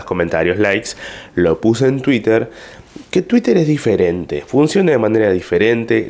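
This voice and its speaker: Argentine male comic, lowish voice, chatty and rambling, casual story to camera. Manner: rambling, animated retelling with frequent fillers. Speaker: comedian.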